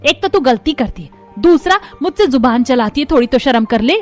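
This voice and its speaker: A nagging, quarrelsome mother-in-law in an animated family story. She keeps up steady scolding in a fairly high voice. Faint music sits under her. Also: fairly quick.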